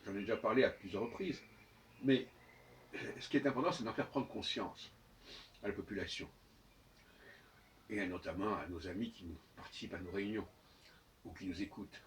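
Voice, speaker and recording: A man's voice: fairly low pitch, slight background noise. Hesitant man lecturing from a distance. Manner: hesitant, restarts phrases, frequent "euh" and "hein"; spells letters out slowly. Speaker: speaker of his own channel. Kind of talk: unscripted spoken lecture.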